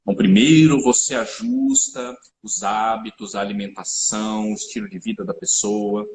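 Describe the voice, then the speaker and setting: A man's voice: fairly low pitch, animated, moderate pace, darkish tone. A man explaining health topics in a live-stream conversation, lecturing and often checking in with tag questions. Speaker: researcher and supplement company founder. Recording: echoey room with faint background noise.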